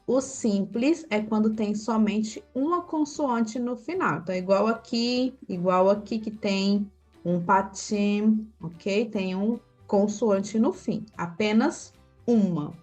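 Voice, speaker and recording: Patient woman teaching slowly over soft music. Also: medium pitch. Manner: patient, asks learners questions and answers them; draws out example syllables slowly. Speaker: Korean language teacher. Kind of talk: slide-based language lesson.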